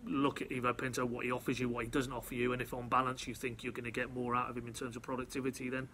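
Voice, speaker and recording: Bright, flat-toned male football correspondent. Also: mid-range voice, rapid-fire, a little hiss or hum. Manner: analytical, stumbles and repeats words. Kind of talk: casual football podcast chat.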